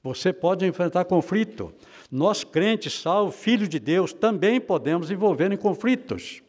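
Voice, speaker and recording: A man's voice: high voice, expressive, measured pace, darkish tone, in a large hall. A man with a Brazilian Portuguese accent teaching a Bible class, emphatic and repeating his phrases for weight. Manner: emphatic, repeats phrases, calls listeners brother.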